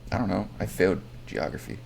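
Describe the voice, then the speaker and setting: An American man co-hosting a podcast, chatting casually with a profane, joking, loud manner. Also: sits low, fast talker, vocal fry, slight background noise. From United States. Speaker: podcast co-host. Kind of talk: casual chat.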